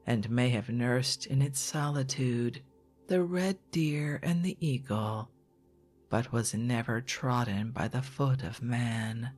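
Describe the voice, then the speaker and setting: A narrator gives a quiet ASMR reading at a very slow, measured pace. The voice is soft and hushed, often slipping toward a whisper, with a calming delivery. Music plays behind it. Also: medium pitch. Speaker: narrator, reader. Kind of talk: ASMR quiet reading of an old geology book, scripted narration.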